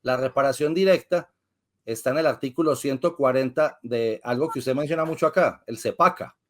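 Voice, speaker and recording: A man's voice: medium pitch, fairly quick. A man, a lawyer guest in an interview, who explains patiently like a teacher and asks and answers his own questions. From Colombia.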